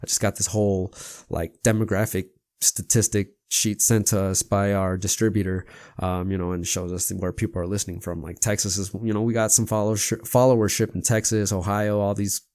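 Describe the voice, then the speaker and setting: A male podcast host talks through a loose, rambling monologue, leaning on "man" and "you know what I mean" as he goes. His voice sits a bit low and relaxed, with a casual, conversational tone. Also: brisk, no room sound, studio quality.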